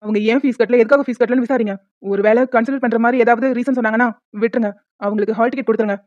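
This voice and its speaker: A young cartoon husband full of pleading devotion who also turns curt and strict at work, as a woman voices him. He talks quickly in a fairly high voice. The sound is thin and phone-like, with a dry close feel. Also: steady tone, no room sound, lightly acted. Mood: stern, curt. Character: lovestruck young husband, later a stern college head. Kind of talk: cartoon voice dubbing.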